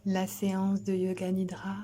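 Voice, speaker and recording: Leading a sleep relaxation, a woman yoga instructor speaks in a monotone, mid-range voice that is soft, breathy, and gentle. She often nears a whisper and leaves long pauses between her words.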